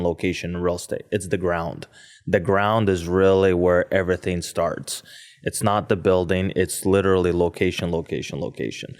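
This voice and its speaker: A man in his forties, originally from Russia, telling his story as a podcast guest in a lively, chatty way and laughing often. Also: low-pitched, smooth, dry recording, studio quality. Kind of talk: casual interview chat.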